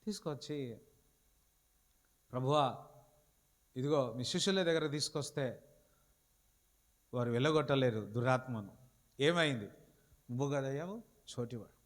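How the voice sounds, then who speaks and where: A man's voice: medium pitch, animated, measured pace, long pauses. A male pastor preaching a sermon, exhorting the congregation and calling for responses. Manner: exhorting, calls for responses, switches into English phrases. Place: church hall. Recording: long hall reverb.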